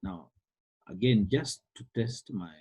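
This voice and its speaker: A man's voice: lowish voice, animated, slow, a little mellow, breathy edge, poor audio. A man with a Kenyan accent teaching a biology lesson to an online class, repeating words and stressing key terms. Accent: Kenyan English. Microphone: computer microphone on a call.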